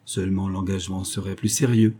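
A man's voice: sits low, little pitch movement, fairly quick, mellow, slightly rough. A man reading an audiobook, voicing a bitter, stern and unhappy young woman of twenty-three in an impassioned, raised tone.

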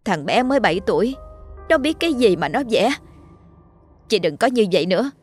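A woman voicing a young second wife who speaks calmly but firmly and cuttingly. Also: medium pitch, a little fast, breathy edge, faint music behind, pitched above the performer's own voice. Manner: calm but firm, cutting. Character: young, firm second wife, protective mother.

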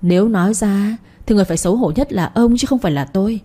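Sly village thief voiced by a woman, taunting, quick, husky. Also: medium pitch, lively intonation, dark tone. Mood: defiant. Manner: taunting, fast and scornful. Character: sly village thief Tuấn, young man, spiteful.

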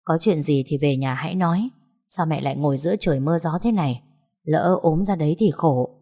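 A woman's voice: deep voice, a little fast, warm tone, slightly rough. A woman voicing an earnest grown son who pleads with and then scolds his mother, in a storybook reading. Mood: pleading.

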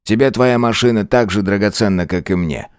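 A man's voice: fairly low pitch, a little fast, clear, resonant tone, dry recording, studio quality, close to an everyday voice. A man voicing a mocking old professor and former officer in an audiobook. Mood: soothing. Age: older. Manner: mocking and teasing.

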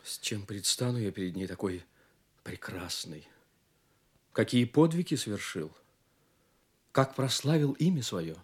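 A man's voice: on the low side, lively intonation, unhurried, long pauses, breathy edge. An actor playing a noble, chivalrous young king full of earnest wonder, in a theatrical Soviet audio play style. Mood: earnest longing. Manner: theatrical, hushed wonder, exclamatory questions.

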